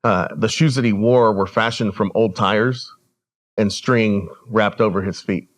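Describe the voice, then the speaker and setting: A man born in El Salvador, a podcast guest telling his family's story in an earnest, measured way. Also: on the low side, steady tone. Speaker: guest, regional director. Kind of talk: storytelling interview.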